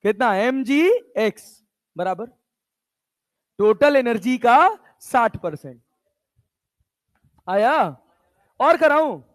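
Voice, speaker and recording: A man's voice: extremely high pitch, lively intonation, drawn-out words, pauses often. A male physics teacher lecturing a class, coaxing and teasing his students and scolding them casually.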